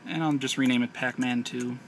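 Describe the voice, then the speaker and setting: Speaking a little fast with medium pitch and a steady tone, an American man walks through a hands-on tech tutorial without a script, giving step-by-step explanations. It was filmed on a handheld camera, and the amateur audio is noisy.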